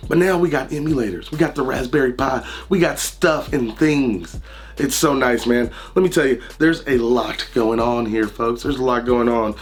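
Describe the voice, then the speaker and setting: A man in his thirties with a raspy, slightly hoarse voice, casually reviewing a product to camera and repeating phrases for emphasis. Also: mid-range voice, moderate pace. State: under the weather, slightly hoarse. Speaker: YouTube reviewer and host. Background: music.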